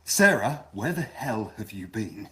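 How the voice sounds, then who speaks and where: An actor playing an angry, troubled father who shouts at his family. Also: lowish voice, big pitch swings, unhurried, full character voice. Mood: furious. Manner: shouting, bitter, volatile. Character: angry troubled British father, a police officer.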